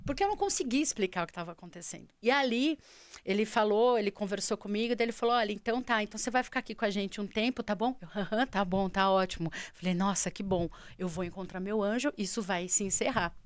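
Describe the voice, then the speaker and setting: A woman with a Brazilian Portuguese accent, a podcast guest telling a personal story in an animated way and acting out the dialogue. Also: mid-range voice, fast talker, no echo. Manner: animated, acts out quoted dialogue.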